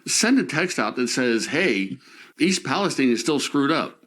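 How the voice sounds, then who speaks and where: A man's voice: medium pitch, big pitch swings, unhurried, fairly bright tone. A man speaking as a local resident, making an impassioned appeal, emotional and stammering as he repeats himself.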